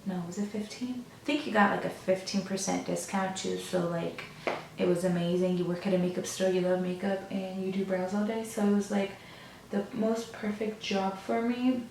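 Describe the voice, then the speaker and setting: A young woman chatting casually in a monotone, low-key way, like a get-ready-with-me beauty vlogger. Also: normal speed, vocal fry, recorded from a distance. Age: young adult. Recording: echoey room, off mic, faint noise.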